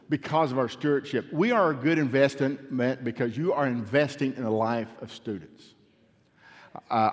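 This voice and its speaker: Older man, church speaker, earnest and encouraging, slightly high voice, reverberant sanctuary. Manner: earnest, encouraging, repetitive phrasing. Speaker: university representative speaking to a church. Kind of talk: church address.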